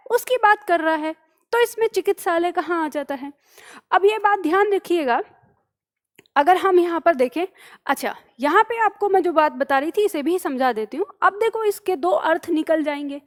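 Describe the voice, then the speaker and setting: A woman teaching grammar for exam preparation. She calls her students "बालक", works through examples and keeps checking that they follow. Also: very high voice. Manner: addresses students as "बालक", asks questions and checks understanding; explains with worked examples, repeating key phrases. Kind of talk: exam-prep grammar lesson.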